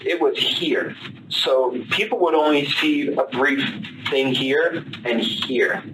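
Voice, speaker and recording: A man being interviewed as a suspect, talking in a halting, flat, matter-of-fact way. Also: medium pitch. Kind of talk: police interview. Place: police interview room. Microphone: far-off room camera. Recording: echoey noisy room from far off.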